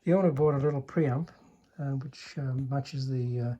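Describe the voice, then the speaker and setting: An older man, a radio repairer, gives a casual hands-on demonstration of a restored chassis. His medium-pitched voice is mellow and moves at a normal speed, and he speaks in an understated, hesitant way, letting remarks trail off. The audio quality is poor.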